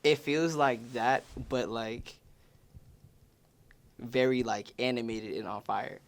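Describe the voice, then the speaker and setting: A man's voice: mid-range voice, fairly even intonation, slow pace, creaky. Rambling young man. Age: 20s. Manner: loose and rambling, heavy use of "like". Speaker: featured artist. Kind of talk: casual interview answers. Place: studio or room.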